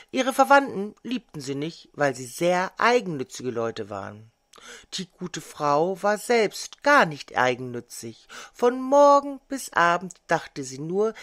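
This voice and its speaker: Older woman, fairy-tale narration, expressive, close dry recording. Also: lowish voice, no echo. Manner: measured and expressive. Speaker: storyteller.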